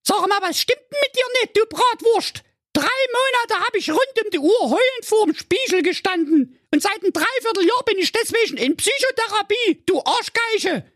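Brief: a shrill, crude princess in a comic fairy tale, high and dry. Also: male voice, expressive, normal speed, few pauses, no echo. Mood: furious. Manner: screeching, crude. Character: shrill furious young princess.

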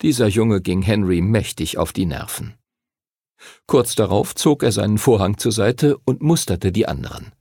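Gravelly man reading a children's story. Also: lowish voice, moderate pace, warm tone, dry recording, studio quality. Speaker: audiobook narrator. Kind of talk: scripted children's story narration.

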